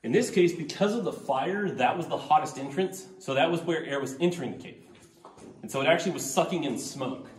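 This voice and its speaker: A man's voice: on the high side, a little fast. A man working as a tour guide tells stories in an informal, explanatory way inside an echoing cave. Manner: conversational, explanatory storytelling. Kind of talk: informal storytelling to a small tour group. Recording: echoey cave, long reverb, distant, faint noise.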